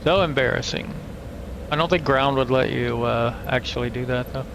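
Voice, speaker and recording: A man's voice: mid-range voice, moderate pace, gravelly. A man giving casual running commentary as he plays a flight simulator, muttering checklist items to himself in clipped phrases. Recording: steady aircraft hum behind voice.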